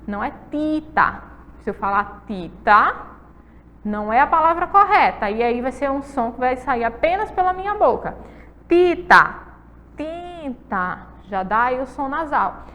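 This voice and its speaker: A woman teacher giving a lesson to young children, speaking slowly, asking them questions and repeating words for them. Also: high voice, sing-song, a bit bright, big-room sound. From Brazil. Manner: slow, coaxing, asks kids questions and repeats words.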